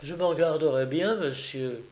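A devoted, kind-hearted nanny, put on by a man reading a novel aloud. She speaks softly and with pity, in a slightly raised voice at an unhurried pace. The storybook reading stays gentle and earnest. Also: a little high, voice pushed up, natural voice, poor audio. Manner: soft, tender and pitying. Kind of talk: audiobook character reading.

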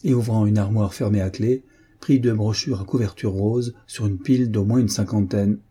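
Male audiobook reader, husky warm delivery, steady and measured, reading a novel. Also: fairly low pitch. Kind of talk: scripted narration.

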